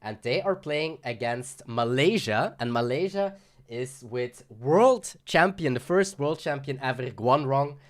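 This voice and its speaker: A man's voice: mid-range voice, expressive, measured pace. A young man casually commentating a card game livestream, rambling with fillers and laughs.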